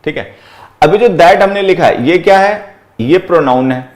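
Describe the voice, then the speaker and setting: Man teaching grammar, slightly high voice. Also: expressive. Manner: explains step by step, repeating key phrases; slows right down to dictate example sentences. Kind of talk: exam-prep grammar lesson.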